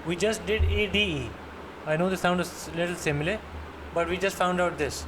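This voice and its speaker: A man with a Pakistani accent tutors maths one to one in a fairly high-pitched voice. He is encouraging, working step by step and checking with questions. The online lesson audio has clear background noise. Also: fairly even intonation, fairly quick. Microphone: computer mic on online screen-share call.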